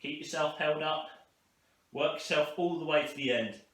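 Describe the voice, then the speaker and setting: A man's voice: on the high side, moderate pace, fairly bright tone. A man coaching a workout to camera as an instructor, encouraging people and talking them through it. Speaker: fitness instructor. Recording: roomy, distant mic, faint noise.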